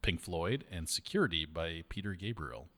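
A man co-hosting a casual chat about films, chatty and quick to laugh. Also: sits low. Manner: chatty, laughs often, lively delivery.

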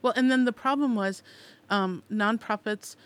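A woman's voice: a little high, normal speed. A middle-aged woman co-hosting a radio food show, chatting casually with lots of fillers and easy laughs.

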